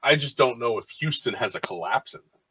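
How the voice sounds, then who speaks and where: Bright-voiced man in casual sports chat. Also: mid-range voice, animated, fairly quick, slightly rough, no room sound, low-quality recording. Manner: rambling with frequent fillers and restarts. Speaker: podcast co-host.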